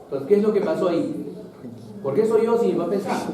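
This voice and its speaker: Male biology teacher, high-ish voice, patient step-by-step lecturing; recorded from afar in a booming, noisy classroom. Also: lively intonation, brisk. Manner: explanatory, keeps checking in with "¿no es cierto?". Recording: very echoey noisy classroom, far mic.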